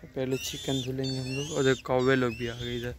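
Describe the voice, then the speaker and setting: A man's voice: medium pitch, level tone, brisk, noisy background. A man vlogging casually outdoors near trees and a farm, chatty and always telling viewers to look. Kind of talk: casual vlog narration. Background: birds and animals calling.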